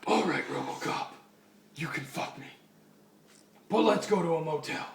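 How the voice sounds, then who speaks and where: A man voicing a gruff male vigilante hero who blurts out curses, read in a roomy room from a distant mic. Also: a little high, animated, normal speed. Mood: resigned. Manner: blurting, cursing bluntly.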